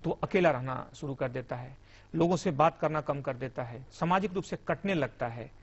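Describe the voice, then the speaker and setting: A man's voice: mid-range voice, normal speed, slightly rough. A young man, a police officer, explaining earnestly and formally as a guest in a TV studio interview. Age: young adult. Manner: earnest, explanatory, formal Hindi with English terms. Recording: muffled TV broadcast audio.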